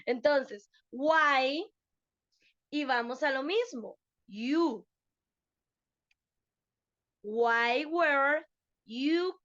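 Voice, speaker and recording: A woman's voice: fairly high pitch, a bit bright, dry recording, lo-fi sound. A woman teaching an online English class to adults, patiently explaining and checking understanding.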